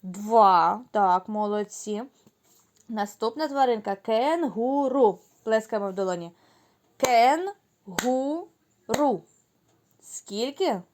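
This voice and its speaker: A woman teacher leading a lesson for young children, speaking slowly and clearly, drawing words out syllable by syllable and praising the class. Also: medium pitch, a little mellow. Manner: praising, answering her own questions.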